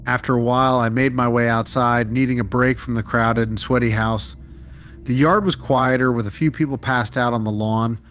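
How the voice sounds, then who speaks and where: A man giving a steady, dramatic scripted narration of a true-style horror story. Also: mid-range voice, moderate pace, slight background noise.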